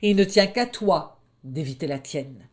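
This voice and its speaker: A woman's voice: deep voice, expressive, unhurried. A woman voicing a bold, cheeky young male lamb who speaks defiantly and mockingly, in a storybook reading.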